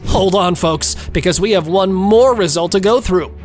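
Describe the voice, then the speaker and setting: A woman's voice: lowish voice, moderate pace, darkish tone, soft background music. A woman narrating a scripted recap of a reality court show in a gossipy, theatrical, cheeky way, playing up the melodrama.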